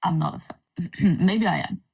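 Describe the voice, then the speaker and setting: A woman's voice: fairly low pitch, vocal fry, breathy edge. A Dutch woman chatting casually on a livestream, her voice echoing distantly as if in a cave. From Netherlands. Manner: casual, relaxed talk with frequent pauses. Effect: distant cave-like echo on her voice. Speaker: livestream guest. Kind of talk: casual chat. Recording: distant, echoey stream audio.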